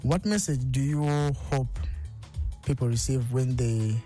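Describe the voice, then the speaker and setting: A man's voice: medium pitch, lively intonation, unhurried, warm tone, faint music behind. A man hosting a radio talk show in the studio, often repeating and restarting words. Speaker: radio host. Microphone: studio mic.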